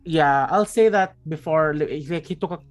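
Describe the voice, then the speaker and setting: A man narrating a tabletop game as game master in a casual, halting, informal way. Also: fairly high pitch. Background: faint music.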